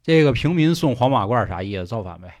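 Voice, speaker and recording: A man's voice: mid-range voice, expressive, quick pace, darkish tone. A man co-hosting a casual talk show, retelling a classic tale in a joking, colloquial way. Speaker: podcast co-host. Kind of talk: casual storytelling chat.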